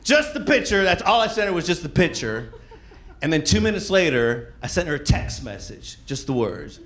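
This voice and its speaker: A man's voice: a little high, sing-song, normal speed, fairly bright tone. A middle-aged man performing stand-up comedy as conversational, profane storytelling, acting out bits of dialogue. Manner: acts out dialogue and reactions. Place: live venue in front of an audience. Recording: noisy live comedy club recording.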